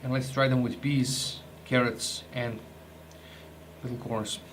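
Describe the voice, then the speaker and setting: A young man talks at a middle pitch in a loose, joking way, stumbling and restarting as he reviews food. A faint hiss sits under his voice. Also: level tone, slow. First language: Croatian. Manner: chatty, joking, restarts and hesitations. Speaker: ration reviewer. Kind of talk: casual food review vlog.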